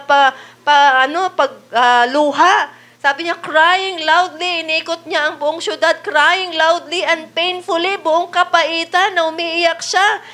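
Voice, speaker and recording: A woman's voice: extremely high pitch, fairly bright tone. A woman preaching a sermon, often asking the congregation rhetorical questions and reading Bible verses aloud in English.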